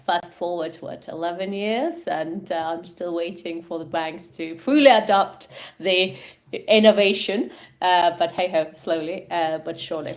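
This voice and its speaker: A woman from Denmark, a podcast guest, telling her story in a lively, animated way. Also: lowish voice, measured pace. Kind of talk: casual interview.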